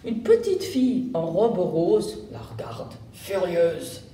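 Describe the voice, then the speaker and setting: A woman reading a picture book aloud to young children in a library, explaining words as she goes. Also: on the low side. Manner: slow and animated, explaining words to kids. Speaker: volunteer children's reader. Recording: roomy room, distant mic.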